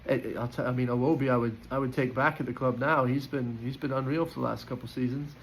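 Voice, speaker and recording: A man's voice: mid-range voice, fairly even intonation, quick pace, a little hiss or hum, rough recording. A man giving casual, opinionated football player ratings in a chatty way, with frequent fillers and restarts. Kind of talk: casual post-match reaction.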